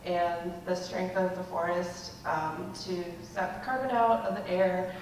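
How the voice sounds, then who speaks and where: A woman's voice: lowish voice, steady tone, measured pace, recorded from a distance, noisy background. Breathless young woman in echoey hall. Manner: hesitant, many ums. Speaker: graduate student commenter. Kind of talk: public comment at a hearing. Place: large public meeting room.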